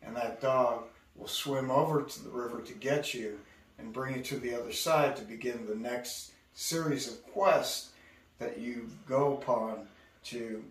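A man in his sixties, an artist showing his studio, telling stories in a rambling way full of fillers. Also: mid-range voice. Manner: rambling storyteller, many fillers. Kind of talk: casual guided tour. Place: indoor art studio. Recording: echoey room, distant mic, faint hiss.

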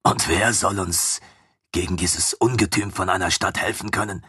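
A big, gruff warrior, as a male audiobook narrator voices him, speaks slowly in a low, husky tone. His words are plain and subdued. The sound is close and dry. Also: steady tone, bright, forceful tone, no echo, full character voice. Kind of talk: audiobook reading.

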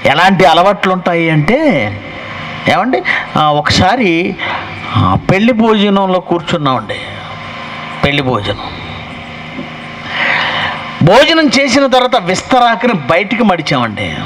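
A man's voice: high-pitched, very animated, a little slow, pauses often, noisy background. A man preaching a live sermon as pastor, emphatic and firing off rhetorical questions, with mocking asides.

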